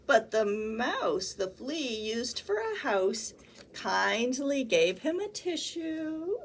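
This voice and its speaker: Animated woman reading a storybook, lively pitch. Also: slow pace. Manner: theatrical, sing-song emphasis with acted animal sounds and sneezes. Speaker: children's librarian reading storytime. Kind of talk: animated children's storybook read-aloud.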